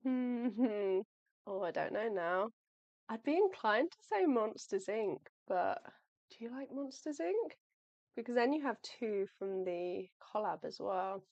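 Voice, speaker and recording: Her mid-range voice is expressive, slow and darkish, captured in a dry, dull-sounding recording. The young woman is live-streaming from home as she packs shop orders, chatting warmly, thinking out loud and saying sorry frequently while her voice gives out.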